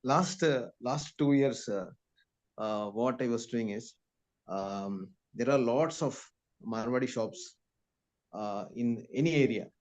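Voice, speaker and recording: A man speaking haltingly as a devotee from the audience, quiet and away from the mic. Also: medium pitch. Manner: hesitant, halting.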